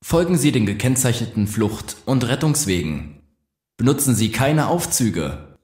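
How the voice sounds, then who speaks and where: A man giving a formal, measured evacuation announcement, played over a building loudspeaker. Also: mid-range voice, very animated. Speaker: public announcer. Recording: echoey loudspeaker playback.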